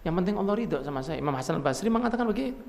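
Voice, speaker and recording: A man preaching with a Javanese accent, his slightly high voice carrying a gravelly rasp. He speaks with animated swings, lifting steeply in emphasis and falling back to quiet asides. The sound rings with a long echo, as in a hall. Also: very fast. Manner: animated, rising sharply when stirred, mixing in Javanese phrases. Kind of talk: sermon.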